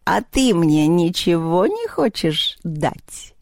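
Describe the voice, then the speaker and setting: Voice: mid-range voice, big pitch swings, takes it slowly, a little mellow, no echo, clean studio sound. A storyteller voicing a lazy, sly male talking cat who drawls mocking remarks in a children's audiobook.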